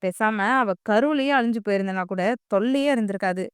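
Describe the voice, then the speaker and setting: A woman voicing a hot-tempered, boastful middle-aged father who gets loud and rapid. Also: mid-range voice, steady tone, clear, resonant tone, dry recording, studio quality, natural voice. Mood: furious.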